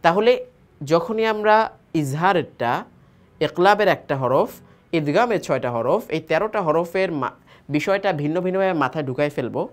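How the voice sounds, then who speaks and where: A man from Bangladesh teaching tajweed. He spells out each letter, drawls the joined words slowly, and asks himself questions that he then answers. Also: a little high, expressive. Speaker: Quran recitation teacher. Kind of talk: tajweed lesson, spelling and reading aloud.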